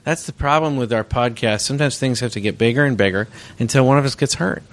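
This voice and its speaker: A man's voice: mid-range voice, quick pace. A man co-hosting a live comedy podcast before an audience, playful and dropping into silly voices. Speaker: podcast co-host. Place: hotel room with live audience.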